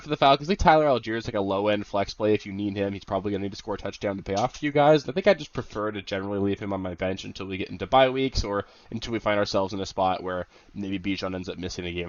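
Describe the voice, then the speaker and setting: A young man with a head cold and a slightly nasal voice, chatting upbeat and informally as a fantasy football analyst, with plenty of fillers. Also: fairly low pitch. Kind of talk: casual video commentary. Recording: dull lo-fi sound.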